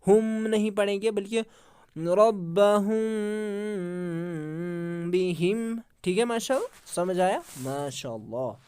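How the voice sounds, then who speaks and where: A man teaching Quran recitation rules. He asks questions, answers them himself, recites example words slowly and drawn out, and often praises with mashallah. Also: sits high, lively intonation, dark tone. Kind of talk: Quran tajweed lesson.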